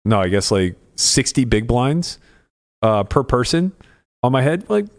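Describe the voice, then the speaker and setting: A man's voice: mid-range voice, very animated, unhurried. A man talking casually on a podcast, ranting with sarcasm about poker. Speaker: podcast regular, poker pro. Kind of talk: casual chat.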